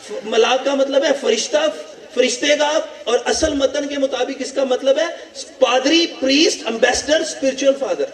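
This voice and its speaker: High-voiced preacher in an echoey hall. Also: male voice, hardly any pauses, recorded from a distance, some chatter behind. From Pakistan. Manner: animated, repetitive preaching with rhetorical questions. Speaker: pastor. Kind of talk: sermon.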